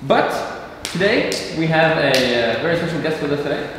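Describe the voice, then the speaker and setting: A man hosting a fireside chat before an audience in a university lecture hall, talking in a relaxed, chatty way with fillers. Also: a little high, a little fast, far from the mic, background noise. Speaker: event host and interviewer. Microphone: far camera, seated on a desk. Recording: echoey hall heard from afar.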